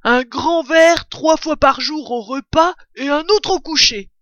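A woman's voice: high voice, a little slow, a bit bright, no echo, pitched above the performer's own voice. A woman voicing a jolly, hearty male badger who exclaims with delight. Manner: exclamatory, enthusiastic. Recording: dull, dry recording.

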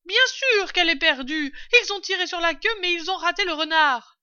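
An impatient lady of the house calls down loudly in a high, bright voice, as a woman acts her out. She gives orders in a storybook. The sound is dry and a little dull. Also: expressive, normal speed, no room sound, exaggerated voice. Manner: loud, impatient, calling out. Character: commanding lady of the house, calling from upstairs. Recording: dull lo-fi recording.

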